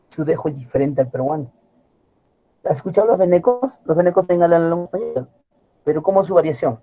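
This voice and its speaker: A middle-aged man teaching a class, lively and always asking his students questions. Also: on the high side, slight background noise, poor audio. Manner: animated, asks students constant rhetorical questions. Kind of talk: classroom lecture.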